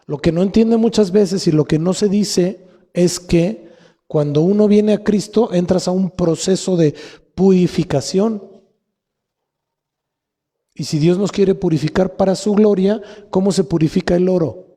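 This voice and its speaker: Unhurried and mellow, a high-pitched pastor with a Mexican Spanish accent asks rhetorical questions of his congregation in a sermon. The church hall adds long reverb.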